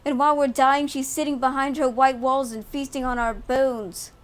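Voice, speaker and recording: A woman's voice: sits high, fairly even intonation, normal speed, close to an everyday voice. A woman reading aloud the lines of a wounded, desperate young male rebel from a video game, in a pleading, breathless way.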